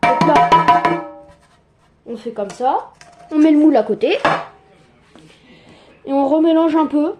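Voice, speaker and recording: A young woman giving a casual cooking tutorial in her home kitchen, chatty and quick to joke about herself. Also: high voice, over loud music. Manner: chatty, joking, self-mocking asides.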